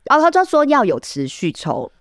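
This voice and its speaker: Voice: sits high, brisk, dry recording, clean studio sound. A podcast co-host with a Taiwanese Mandarin accent, telling a story in casual chat. They laugh often and slip into acted voices when quoting people. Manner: animated storyteller, laughs often, many "then" restarts; quotes others in acted voices.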